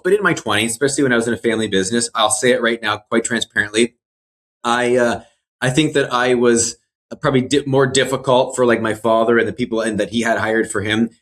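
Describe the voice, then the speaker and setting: A man's voice: medium pitch, a bit bright. A man in his forties, a guest in an interview, talking in an earnest, reflective way and repeating words as he thinks. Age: 40s. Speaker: mortgage broker guest. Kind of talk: casual interview.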